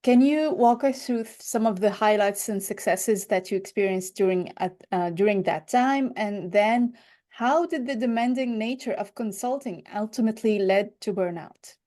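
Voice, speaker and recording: A woman hosts a podcast in an even, mid-pitched voice. She reads a polished introduction and then puts her questions to the guest, restarting a phrase now and then. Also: moderate pace. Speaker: podcast host. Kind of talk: scripted introduction and interview questions.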